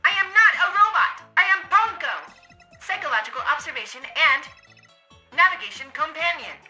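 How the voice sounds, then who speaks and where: A woman's voice: high voice, expressive, moderate pace, bright, forceful tone, soft background music, voice pushed up, exaggerated voice. A woman putting on a stiff robot voice to play a cheerful female guide robot, with clipped, stilted delivery. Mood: eager. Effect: robot voice, put on without filter. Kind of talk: let's play voice acting.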